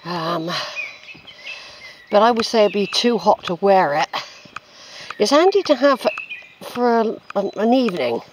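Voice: mid-range voice, very animated, unhurried, long pauses, slight background noise, poor audio. A walking vlogger, chatting casually and musing aloud outdoors on a woodland track, recorded on a handheld camera. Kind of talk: rambling casual commentary while walking. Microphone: handheld camera's built-in microphone.

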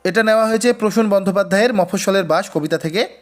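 A man's voice: high-pitched, racing, faint music behind. A man teaching an exam-prep quiz lesson, reading each question twice before giving and explaining the answer. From West Bengal.

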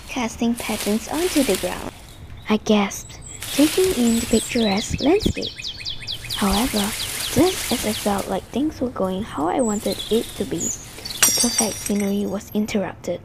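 A woman's voice: mid-range voice, background noise. Woman dramatically narrating a story. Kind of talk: reading a short story aloud.

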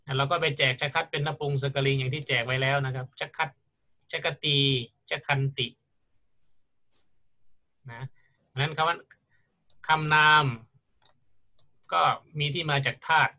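A man's voice: on the high side, fairly even intonation, measured pace, long pauses, pushed and bright. A middle-aged man lecturing on grammar in a patient, explanatory way, often checking in with his students. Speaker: university lecturer.

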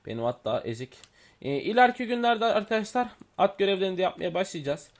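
A man's voice: high-pitched, expressive, quick pace. A man giving casual gameplay commentary, thinking aloud with lots of fillers and self-corrections. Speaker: gaming YouTuber.

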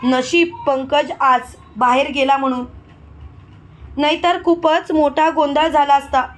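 A woman's voice: sits high, fairly even intonation, measured pace. A woman voicing a sly young wife who complains and hides her secrets. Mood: complaining. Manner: complaining, shouting.

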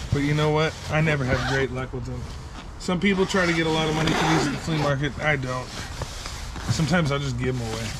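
Guy in his 30s going thru storage unit junk, upbeat rambly chatter, kinda high voice, lots of noise behind. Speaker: storage unit reseller vlogger. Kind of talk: casual unboxing commentary. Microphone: action camera. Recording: loud background noise.

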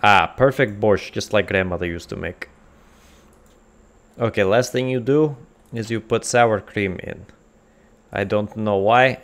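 Guy doing a jokey fake russian accent, lowish voice, rambling to himself. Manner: put-on comic Russian accent, dropping articles; rambling, jokey, talks to himself while cooking. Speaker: gamer playing a cooking game. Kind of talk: casual gameplay commentary.

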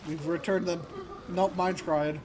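A man's voice: sits high, fairly even intonation, measured pace, a crowd in the background. A man in casual banter with friends while playing a game.

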